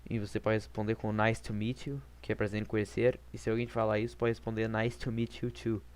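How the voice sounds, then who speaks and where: A man's voice: on the low side, monotone, a little fast, darkish tone. A man, giving a casual online lesson in an informal, self-deprecating way with frequent restarts. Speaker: English teacher on video.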